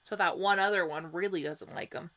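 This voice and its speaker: A woman's voice: on the low side, a little fast, fairly bright tone. A woman co-hosting a podcast, chatting casually and riffing on ideas in a jokey, playful way. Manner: jokey, playful listener who riffs on ideas. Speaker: podcast co-host. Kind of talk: casual chat.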